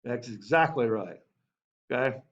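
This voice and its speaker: A man teaching a history class in a lively way, often asking the class and saying okay. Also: mid-range voice, a little slow, highs cut off.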